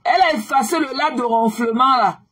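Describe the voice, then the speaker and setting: Tired, husky woman chatting on a live stream. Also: high voice, brisk, fairly bright tone. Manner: chatty, repetitive, mixes in English phrases. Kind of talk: casual live-stream chat.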